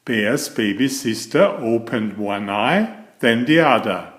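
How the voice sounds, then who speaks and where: In an echoey room, a children's author and storybook reader performs a picture book aloud. He takes his time, letting his pitch rise and fall expressively as he tells the story.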